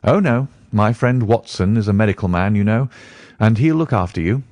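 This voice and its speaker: A man voicing a sharp, commanding male detective who speaks briskly and insistently. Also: lowish voice, dry recording, lightly acted.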